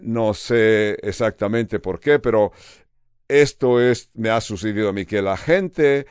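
An older pastor with a Californian accent, preaching with earnest steadiness. His voice is smooth and clear, and he takes his time, pausing between phrases. The sound is dry and close, with no room around it. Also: lowish voice, darkish tone, no room sound. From United States. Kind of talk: sermon.

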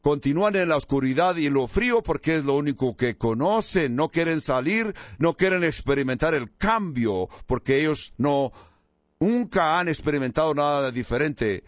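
A male preacher voicing a calm, mysterious man who brings fire, speaking patiently and with gentle insistence. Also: on the high side, moderate pace, dry recording, close to an everyday voice. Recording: dull lo-fi dry recording.

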